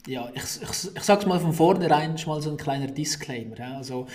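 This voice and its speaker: A man's voice: fairly high pitch, a little fast, darkish tone. A man, answering interview questions in a casual way, often restarting and repeating words while he thinks. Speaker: negotiation expert guest.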